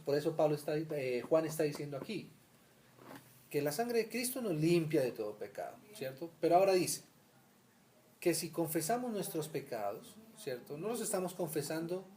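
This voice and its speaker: A man from Colombia teaches the Bible conversationally, his voice mellow and on the high side. He acts out little daily scenes and checks in with listeners often, with a frequent "¿cierto?"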